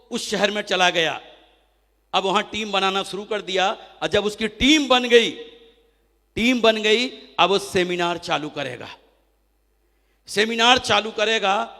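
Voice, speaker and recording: A man giving a motivational seminar talk as a trainer, firing off rhetorical questions and answering them himself. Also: high voice. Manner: animated, acts out quoted people. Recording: long hall reverb.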